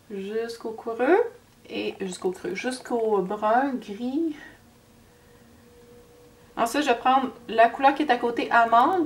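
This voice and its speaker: Québécois woman vlogger, head cold, chatty and hesitant, fairly high voice, set back from the mic. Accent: Québécois French. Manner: chatty, hesitant, many fillers and slips. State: has a cold. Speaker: beauty vlogger. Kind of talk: makeup tutorial. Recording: distant mic with faint noise.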